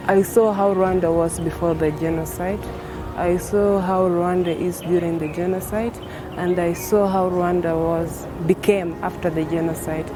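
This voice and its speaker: A woman from South Sudan, a writer and leader, speaking deliberately with pauses in an interview. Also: fairly low pitch. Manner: deliberate, pausing. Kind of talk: interview testimony. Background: music.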